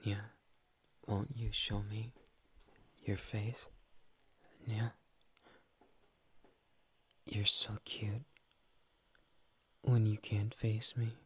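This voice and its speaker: A man's voice: lowish voice, flat delivery, drawn-out words, long pauses, breathy edge, exaggerated voice. A man voicing a shy, playful young male cat boy in a whispered ASMR roleplay, tender and teasing, slipping "nya" into his talk. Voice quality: soft whispery delivery.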